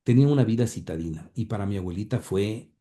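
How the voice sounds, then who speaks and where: This interview guest, grandson of the radio pioneer, talks fast and animatedly in a fairly low, mellow voice. He shares family stories conversationally, hesitating frequently with fillers and repeated words.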